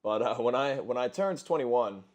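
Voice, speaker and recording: Crude, wandering stories with lots of cursing and self-corrections come from this gaming commentator in his twenties as he plays. He talks at a normal speed in an expressive, medium-pitched voice.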